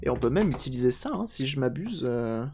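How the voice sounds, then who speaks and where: Man, mid pitch, casual live-stream repair chat, light joker, faint background hiss. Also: big pitch swings, a little fast. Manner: chatty, jokey, answers chat aloud.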